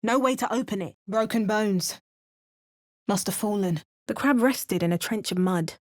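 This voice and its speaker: Narration and dry, understated remarks come from a wry, resolute female adventurer, the player character in a video game. The woman voicing her speaks at medium pitch and normal speed, lightly acted.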